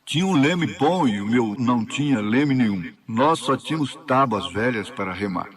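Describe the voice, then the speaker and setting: A man with a Brazilian accent interpreting a sermon line by line, steady and faithful. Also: medium pitch, normal speed, a crowd in the background.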